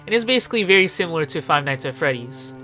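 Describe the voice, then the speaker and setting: Over background music, a narrator delivers an informal, opinionated video essay and swears freely. The voice is medium-pitched, animated, pushed and bright, moving at a quick pace.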